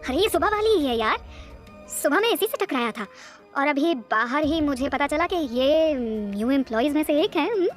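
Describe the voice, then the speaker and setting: A woman's voice: high-pitched, animated, moderate pace, faint music behind. A woman voicing a playful young man who teases his friend. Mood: teasing. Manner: teasing, joking.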